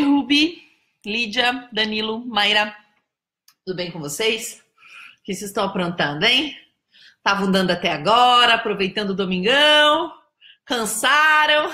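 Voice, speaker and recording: A woman's voice: on the high side, pushed and bright, echoey room. A Brazilian woman hosting a casual live stream, chatty and teasing as she greets viewers by name. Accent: Brazilian Portuguese. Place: indoors, home in São Paulo.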